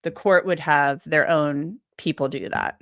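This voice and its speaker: A legal commentator and livestream host reads through viewer comments in a chatty, loose manner, full of restarts and asides as she thinks aloud. Her fairly low, fairly bright voice is a little strained from a cold she's recovering from, and she keeps a measured pace. The sound is close, dry and echo-free.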